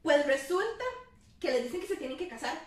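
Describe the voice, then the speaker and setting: Young woman, high voice, lively chatty storyteller, laughs a lot, roomy room, mic a bit far off. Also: brisk. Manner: animated, laughing, acts out quoted lines. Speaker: storyteller in a chat. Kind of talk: casual chat, retelling a story.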